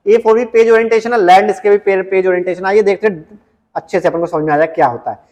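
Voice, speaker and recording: A man teaching an exam-prep computer lesson, reading English questions slowly and explaining them in casual Hindi. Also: high voice, fairly even intonation, a little mellow. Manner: often adds "ठीक है" as a check-in.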